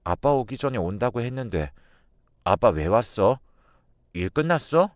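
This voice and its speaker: A man voicing a small daughter in a radio drama, talking slowly in a childlike way. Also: medium pitch, big pitch swings, no room sound, studio quality, natural voice. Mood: plain. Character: small girl, plain and chatty.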